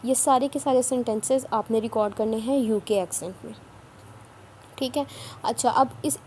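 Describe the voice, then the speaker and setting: A woman talks through a screen-recorded tutorial in a mellow, fairly high voice. She repeats each step patiently but turns a little scolding. Faint hiss sits under the recording. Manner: repetitive, instructive, a bit scolding. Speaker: online work trainer.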